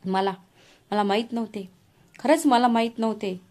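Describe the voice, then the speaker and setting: A woman voicing a shaken middle-aged father who speaks haltingly in a storybook reading. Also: on the high side, a little mellow, natural voice.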